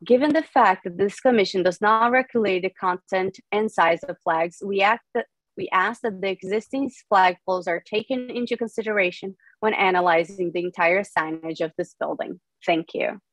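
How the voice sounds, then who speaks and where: A woman reading prepared testimony at a public hearing in a formal, measured way over a video call. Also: mid-range voice, no echo, low-quality recording. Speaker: public testifier for a preservation group.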